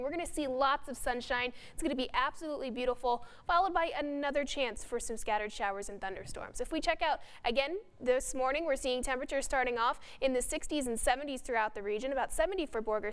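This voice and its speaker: Quick, high-voiced weatherwoman. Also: clear, resonant tone. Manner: upbeat, fast-talking. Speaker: weather presenter and co-anchor. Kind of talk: morning news and casual co-host chat. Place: local TV news studio.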